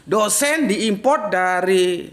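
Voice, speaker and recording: A man giving a casual religious lecture as an Islamic study teacher, blunt and slangy, jumping from loud emphatic bursts to low muttered asides. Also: lively intonation, drawn-out words.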